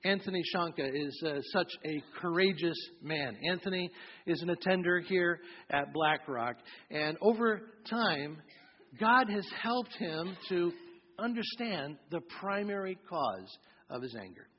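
A man's voice: high-pitched, animated, a little slow. A man, a pastor, preaching a sermon in a conversational way and acting out short examples. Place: church auditorium. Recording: dull sound in a large reverberant hall.

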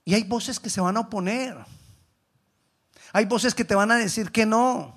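A man preaching a sermon, swinging between loud exhortation and hushed asides, acting out the voices of biblical characters. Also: high voice, a little slow.

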